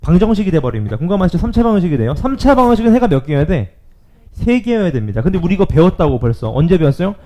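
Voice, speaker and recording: Lively male math teacher, dull recording. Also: sits high, very fast. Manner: lively, keeps checking in with students. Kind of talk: classroom math lecture.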